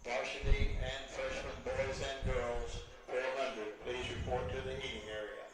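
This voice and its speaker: Man announcing over an echoing PA. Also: medium pitch. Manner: flat, measured call-outs. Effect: over a PA loudspeaker. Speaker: meet announcer. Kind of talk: formal public announcement. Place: outdoor track stadium. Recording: echoey PA heard from far off, noisy.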